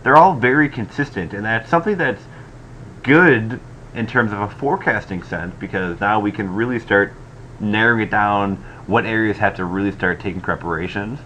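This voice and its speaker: A man's voice: on the low side, normal speed, pushed and bright. A man giving an explanatory weather update as a forecaster, recorded on a cheap stand-in microphone. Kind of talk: explanatory weather update commentary over maps. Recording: dull, noisy cheap microphone audio.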